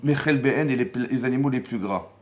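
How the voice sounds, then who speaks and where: Man, rabbi teaching a Torah class, lively voice that rises and falls, rhetorical questions, acted-out dialogue. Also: medium pitch, brisk. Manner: animated, acts out quoted dialogue, rhetorical questions. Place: Paris community hall.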